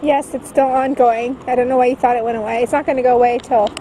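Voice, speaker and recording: A woman's voice: on the high side, steady tone, quick pace, mellow. A woman chatting casually on a phone call, hesitant and full of questions. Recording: noisy phone call recording.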